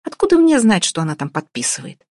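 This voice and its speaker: A woman's voice: mid-range voice, sing-song, fast, a little mellow, no echo, clean studio sound. A woman reading an audiobook, voicing a stern, officious man who runs a shopping mall. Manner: officious, prosecutorial, curt. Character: stern, pedantic male mall director.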